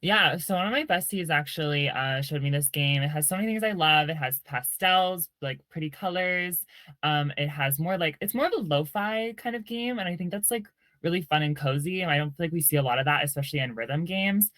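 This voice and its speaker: Woman with a really low voice gushing about a cozy game, lots of likes, dry sound. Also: brisk, a bit bright, no room sound. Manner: gushing, many "like" fillers. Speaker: panelist. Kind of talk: casual chat.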